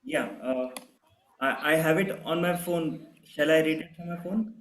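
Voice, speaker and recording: A man plays a hesitant twenty-four-year-old in a support group. He speaks haltingly and stumbles over his words. His voice is a little high, and the room sounds echoey. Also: fairly bright tone. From Lucknow. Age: 20s. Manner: halting, with many fillers.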